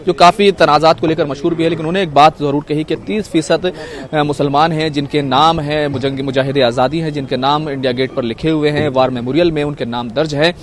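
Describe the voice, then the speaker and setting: A man reporting live from an outdoor street procession, talking in a halting way with frequent fillers and restarts. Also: fairly high pitch, fairly even intonation. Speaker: field reporter. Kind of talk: live on-the-spot news report. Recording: loud crowd behind.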